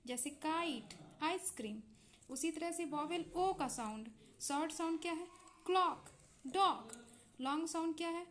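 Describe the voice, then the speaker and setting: A woman with an Indian accent teaches English sounds in a high, clear voice. She talks patiently, repeats each example word and keeps checking that her students follow. A faint hiss sits under the recording. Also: a little fast, few pauses. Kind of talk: explaining English phonics in Hindi.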